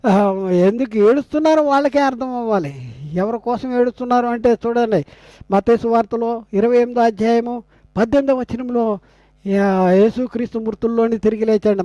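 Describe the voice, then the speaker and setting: An older man from India teaching a Bible class as a sermon, firing rhetorical questions, repeating phrases and slowing down to quote scripture. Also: extremely high pitch, dark tone, dry recording, lo-fi sound. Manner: slows down when quoting scripture.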